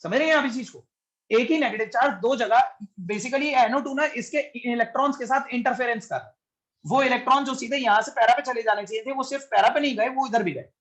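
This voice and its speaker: Extremely high in pitch, a bit bright, and fast, this male chemistry teacher's voice carries a live class lecture for students including some online. He patiently explains step by step, keeps checking their understanding, and drops English science terms into his Hindi.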